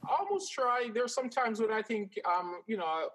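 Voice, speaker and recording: Guest handicapper from Jamaica, bright tense voice, a bit high, ums a lot. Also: male voice, fairly quick, poor audio. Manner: relaxed, hesitant with many ums. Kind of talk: casual conversation.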